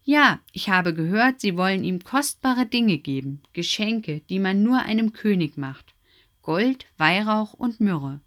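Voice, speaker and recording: A woman's voice: mid-range voice, lively intonation, measured pace, fairly bright tone. A woman voicing a wise, helpful female owl who guides the other animals, speaking eagerly in a raised voice. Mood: explaining.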